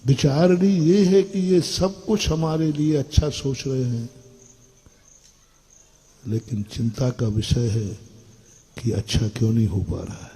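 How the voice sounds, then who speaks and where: A man's voice: mid-range voice, slow, pauses often, dark tone, husky, poor audio. An older man preaching a sermon to an audience, blunt and scolding, asking his listeners questions. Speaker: Jain monk preacher.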